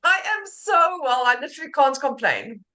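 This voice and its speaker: Bright high-voiced South African woman host. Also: very animated, normal speed, low-quality recording. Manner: warm, gushing praise of her guest. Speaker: live-stream host. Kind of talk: live-stream interview.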